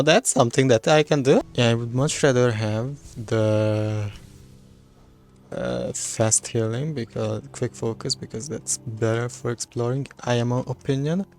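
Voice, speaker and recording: Man, unhurried gravelly voice, casual game commentary, rambling, trips over words. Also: mid-range voice. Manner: rambling, self-correcting, stumbles over words. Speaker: gamer playing on a recording. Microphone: desktop microphone.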